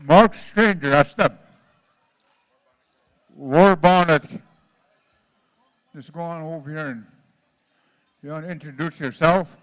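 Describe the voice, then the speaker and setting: A man announces a powwow as emcee in a noticeably high, smooth voice. The sound is quite dry, and his delivery is folksy and informal, as live event announcing. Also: takes it slowly, pauses often, no room sound, poor audio. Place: powwow at a casino event, over a PA.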